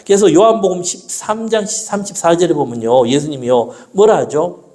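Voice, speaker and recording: A middle-aged man preaching a sermon. He keeps asking the congregation questions and answering them himself, and he slows down when he quotes scripture. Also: a little high, dark tone. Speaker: pastor.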